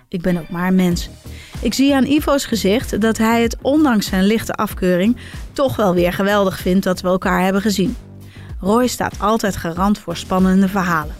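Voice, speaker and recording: A woman's voice: mid-range voice, moderate pace, darkish tone. Woman, intimate first-person narration, faint background music. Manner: intimate, confiding storytelling. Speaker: narrator of a serialized diary story.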